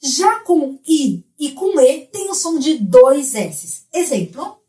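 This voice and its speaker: High, lively woman teaching Spanish. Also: slow pace, reverberant. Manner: clear, explanatory teaching delivery. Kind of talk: scripted language lesson.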